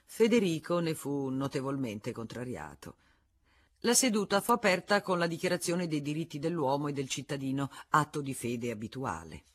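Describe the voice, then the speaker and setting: A woman reading a classic novel aloud in expressive literary narration. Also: low-pitched, moderate pace. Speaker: audiobook reader.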